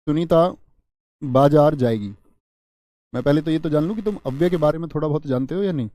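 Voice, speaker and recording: A man teaching Hindi grammar in a live online class, repeating key phrases slowly, quizzing viewers and answering their chat. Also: on the high side, mellow, dry recording. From India.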